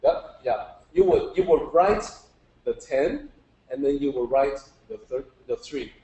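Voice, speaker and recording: Here the teacher's voice is mid-range, warm and expressive, unhurried, with the highs cut off. In an echoing live room he explains Chinese characters to a group informally, going step by step and putting questions to the audience.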